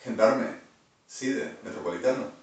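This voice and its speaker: A man from Argentina with an Argentine accent, talking in a rambling monologue that swings from low muttering to loud shouting. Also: a little slow. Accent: Argentine Spanish. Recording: very echoey room, far from the mic.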